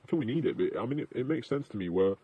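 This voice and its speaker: A young man chatting casually as a podcast co-host, halting and repeating himself, with some swearing. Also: medium pitch, lively intonation, breathy edge, no room sound, phone-quality sound. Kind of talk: casual rambling chat. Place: outdoors in a field.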